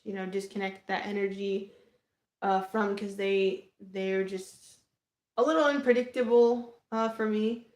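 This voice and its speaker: A young woman chats through a personal story on a live stream, circling back with plenty of "um"s and "like"s and restarting her sentences. Her voice sits at an ordinary middle pitch. The room around her rings with noticeable echo. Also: fairly even intonation, unhurried, darkish tone. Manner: rambling, many fillers and restarts. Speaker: vlogger. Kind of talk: casual livestream storytelling. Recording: echoey room.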